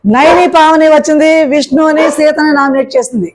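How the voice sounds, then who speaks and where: A woman with a high-pitched voice reviews a reality show episode. Her commentary is opinionated and fires off pointed rhetorical questions. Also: brisk, a little mellow, slight background noise.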